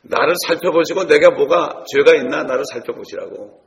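A man's voice: a little high, expressive, moderate pace, vocal fry, reverberant, big-room sound. A man preaching a sermon to his congregation, telling stories and speaking to them directly. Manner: storytelling, addresses congregation directly. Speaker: pastor.

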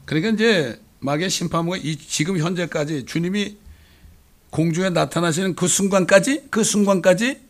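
A Korean pastor with a Chungcheong accent, preaching a sermon full of rhetorical questions and emphatic outbursts. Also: male voice, sits high, moderate pace.

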